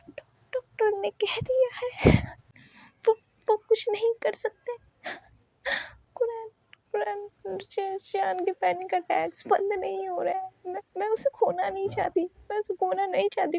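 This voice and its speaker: A sobbing young mother who stumbles over her words, voiced by a woman, high and soft. Her voice is mellow and sits very high. It sounds dry and close. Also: little pitch movement, slow pace, gravelly, no room sound, heavily acted. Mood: sobbing, desperate. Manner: stammering, crying.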